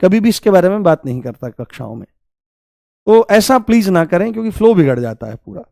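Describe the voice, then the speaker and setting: Male teacher, fairly high voice, dry close sound, repeats examples and quizzes students. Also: big pitch swings, a little fast, gravelly, dark tone, no echo. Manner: repeats examples, coaxing students with rhetorical questions. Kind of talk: online grammar lesson.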